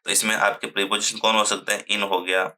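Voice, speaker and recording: Man quizzing his class, bright tense voice. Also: on the low side, level tone, slight background noise. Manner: asks the class questions and answers them himself; fills pauses with a repeated "okay" and "friends". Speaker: grammar teacher. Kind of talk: whiteboard grammar lesson.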